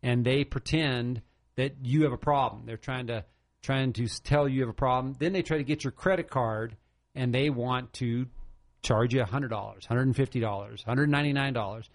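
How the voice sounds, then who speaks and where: A man's voice: medium pitch, normal speed. A man hosting a tech talk show, chatting and explaining at length. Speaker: podcast host.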